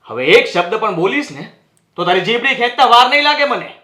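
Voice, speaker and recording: A man plays a husband caught in a row with his wife, keeping up his excuses and snapping at her. His voice sits high and rings with the echo of a roomy space. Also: very animated, a little fast, heavily acted. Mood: angry. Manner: pleading then shouting in anger. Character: defensive husband, quick to anger. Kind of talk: Gujarati short-film family drama acting.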